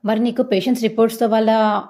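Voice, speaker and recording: A strict male hospital owner, as a woman puts him on fires off brisk, scolding questions. The delivery is fast, and the voice is dark and mellow. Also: a little high, flat delivery, natural voice. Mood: stern.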